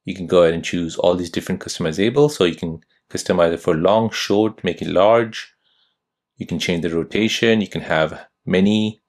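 A young man narrating a step-by-step phone tutorial as host, giving steady instructions. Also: sits low, normal speed.

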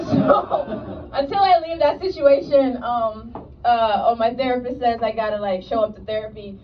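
A woman's voice: on the high side, a little slow, some chatter behind, a little hiss or hum. A woman performing a stand-up comedy set, chatty and loose, with many "like" asides. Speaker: stand-up comic. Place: comedy club stage. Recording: distant mic, dull lo-fi sound, loud audience laughter.

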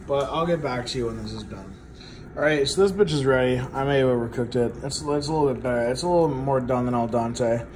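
A man's voice: medium pitch, quick pace, darkish tone. A young man who sounds drunk, chatting loosely and profanely as he cooks at home. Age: young adult. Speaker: amateur home cook. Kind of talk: casual profane cooking chat. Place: home kitchen, indoors. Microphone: handheld phone. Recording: noisy handheld phone, kitchen clatter. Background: pans and cutlery clattering.

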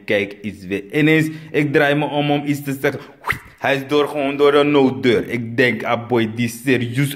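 A man from Suriname with a Surinamese Dutch accent, telling a comic story and acting out the dialogue, with sudden high bursts. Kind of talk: storytelling comedy.

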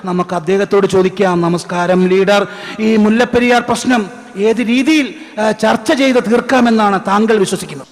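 A man's voice: high voice, fairly even intonation, slight background noise, close to an everyday voice. A man playing a TV news anchor, politely introducing guests. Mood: formal. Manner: polite, measured announcing. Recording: echoey stage hall.

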